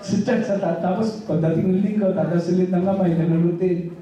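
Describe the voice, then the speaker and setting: A man preaches a loose, conversational sermon, tossing rhetorical questions at the congregation. His voice sits high but sounds dark and mellow. It rings through a very echoey church hall and is picked up from well back from the mic. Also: fairly even intonation, fairly quick, recorded from a distance, highs cut off. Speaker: pastor.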